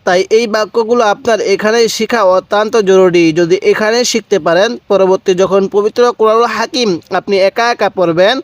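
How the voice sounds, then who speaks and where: A man's voice: sits high, no echo. A man teaching Quran reading, spelling out letters one by one and coaxing the listener to repeat aloud, with a Bangladeshi Bengali accent. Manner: spells out letters slowly, then blends them; coaxes viewers to repeat aloud. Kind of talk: step-by-step spelling lesson.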